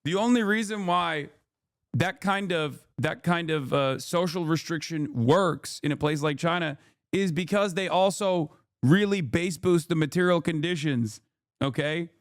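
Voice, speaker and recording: A man's voice: a little high, a little slow, no room sound, studio quality. A man streaming a reaction to a clip, ranting in disbelief and swearing freely. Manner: profane, incredulous ranting. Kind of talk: casual reaction commentary.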